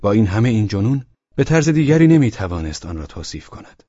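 A man with a husky voice reading a novel aloud in a measured, dramatic way. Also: lowish voice, big pitch swings, warm tone, no room sound. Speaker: audiobook narrator. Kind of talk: scripted audiobook narration. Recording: dull dry lo-fi recording.

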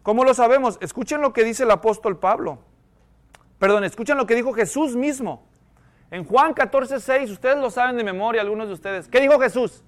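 Pastor, male, high and clear-voiced, preaching a sermon full of rhetorical questions. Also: a little fast.

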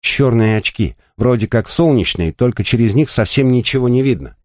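A man's voice: medium pitch, animated, normal speed, darkish tone, no echo, studio quality, voice pushed up, close to an everyday voice. A man voicing a frightened young female courier who pleads tensely, lifted above his own voice. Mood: pleading.

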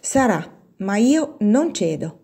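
A woman's voice: mid-range voice, big pitch swings, takes it slowly, gravelly, mellow, breathy edge, full character voice. A woman reading the part of a stubborn young woman with a slightly hard voice, in a storybook reading. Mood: curt.

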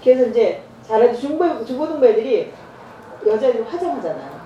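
A woman's voice: fairly high pitch, a little fast, lo-fi sound. Woman preaching in an echoey church hall. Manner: storytelling, acts out dialogue with lively voices. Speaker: evangelist preacher. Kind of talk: church training talk with anecdotes. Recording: roomy church hall, far from mic, faint noise.

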